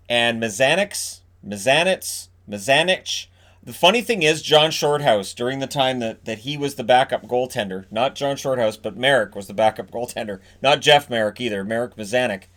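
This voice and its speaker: Guy rambling about hockey stats to camera, normal pitch, lots of restarts, trails off at the end of lines. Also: a bit bright. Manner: chatty, restarts and trails off at phrase ends. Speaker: hockey video host. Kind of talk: casual talk to camera.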